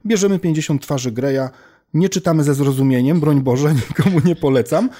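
A man, a language researcher, explaining his work in a relaxed conversation with homely examples and frequent thinking-aloud fillers. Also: fairly high pitch, a little fast. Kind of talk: casual expert conversation.

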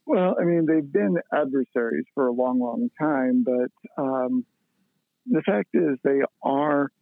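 A man's voice: medium pitch, expressive, slow pace, creaky, no room sound. A man co-hosting a casual podcast, explaining things at length in a thoughtful way with many fillers. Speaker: podcast co-host. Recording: tinny phone-like line.

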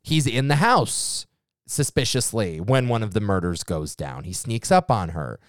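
A man co-hosting a casual film podcast, animated, joking and swearing. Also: on the low side, unhurried, dry recording, studio quality. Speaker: podcast co-host.

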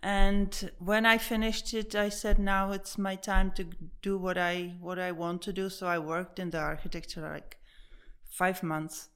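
Czech woman painter chatting in english, slow and hesitant, lots of restarts and little laughs. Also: medium pitch, flat delivery, a bit bright, clear, resonant tone. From Czech Republic. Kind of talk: casual interview. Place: her art studio.

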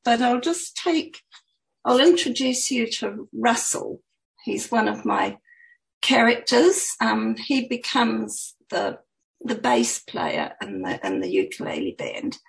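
Chatty woman author, slow and gravelly. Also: fairly high pitch, big pitch swings, low-quality recording. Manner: chatty, hesitant with fillers. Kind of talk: interview answers and reading aloud.

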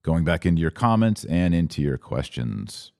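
A podcast host with an extremely low, gravelly, darkish voice reads viewer comments aloud on a livestream and answers them earnestly and conversationally, rising at times to indignant emphasis. He speaks at normal speed with big pitch swings, and the studio-quality sound has no echo.

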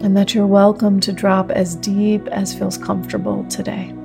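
A woman leading a guided meditation like a sleep story narrator, speaking gently and slowly with long pauses. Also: medium pitch, little pitch movement, gravelly. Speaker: meditation teacher leading a group practice. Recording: new-age music under the voice. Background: soft new-age music.

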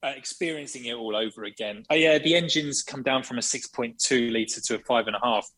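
A man's voice: medium pitch, brisk, a bit bright, poor audio. A man, a racing driver, talking enthusiastically in a remote interview, smiling as he speaks. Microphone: remote call, audio only.

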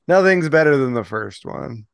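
A man's voice: mid-range voice, lively intonation, measured pace, vocal fry, clear, resonant tone, dry recording. A man co-hosting a podcast in casual chat, rambling from topic to topic and laughing often. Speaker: podcast co-host.

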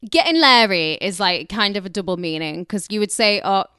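A woman's voice: medium pitch, expressive, brisk, pushed and bright, clean tone, no room sound, clean studio sound. A woman with a Cumbrian accent co-hosting a casual podcast, bantering in regional slang with blunt, crude humour. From Carlisle, Cumbria, England. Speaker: podcast co-host.

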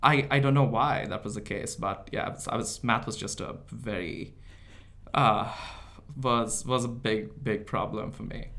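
A man's voice: medium pitch, measured pace, creaky, pushed and bright. A man from India, telling stories in an interview with a self-deprecating, laughing manner. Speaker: guest. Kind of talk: interview storytelling.

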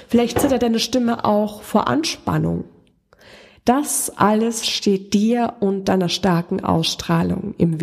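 Female voice coach hosting a podcast; warm, husky delivery, speaking directly to the listener. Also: medium pitch. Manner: coaching, asks the listener questions. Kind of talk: scripted podcast monologue.

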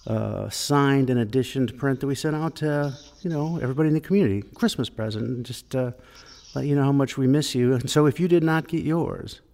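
A man's voice: medium pitch, brisk, creaky, dark tone. A man co-hosting a podcast in casual chat, hesitant with many fillers, recorded alone in an empty church sanctuary with a cathedral-like echo. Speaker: podcast co-host. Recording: echoey church hall reverb.

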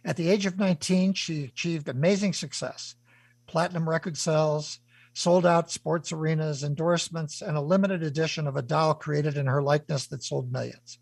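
A male radio host formally reading out a guest introduction. His voice sits a little high, husky and gravelly. The sound is dry and close. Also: steady tone, normal speed, no echo. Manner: formal, reads from a script. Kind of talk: scripted introduction and interview.

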